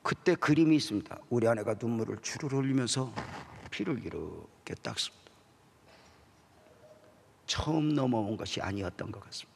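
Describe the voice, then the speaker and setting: A middle-aged man preaching a sermon as a pastor, telling a story with strong emotion and moving between hushed passages and rising, emphatic ones. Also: mid-range voice, lively intonation, fairly quick, vocal fry, pauses often, slightly rough. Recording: long church-hall reverb.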